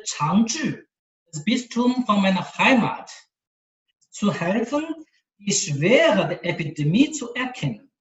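A man with a Chinese accent reads a letter aloud, carefully and haltingly. He speaks very slowly, pausing between phrases, his voice set back from the microphone. The room around him rings with a noticeable echo. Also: high voice, lo-fi sound. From China. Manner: slow, careful, halting reading with pauses. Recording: roomy echo, distant mic.

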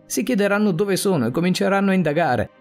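Man voicing a desperate cop, earnest and urgent, slightly high, soft music bed. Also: expressive, fast talker. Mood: defiant. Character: adult male police officer, desperate and self-blaming.

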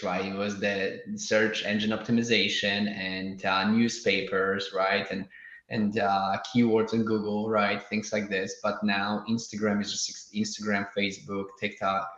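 A man's voice: lowish voice, level tone, a little slow, a bit bright, roomy sound, highs cut off. A man from Poland with a Polish accent, a business owner chatting in an interview, rambling and asking "right?" as he goes. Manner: rambling, says "right?" often, laughs at himself. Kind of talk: casual interview.

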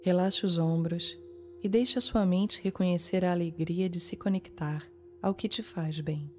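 A Brazilian woman leading a guided meditation in a calm, soothing manner, leaving long pauses between short phrases. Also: fairly low pitch. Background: soft music.

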